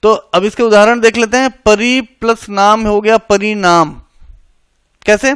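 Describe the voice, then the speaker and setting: A man's voice: high-pitched, steady tone, unhurried, fairly bright tone, clean tone, no room sound, clean studio sound. A man teaching a grammar lesson for exam preparation, explaining each rule step by step, repeating it and checking that students follow, with English words mixed in. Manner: mixes English words into Hindi.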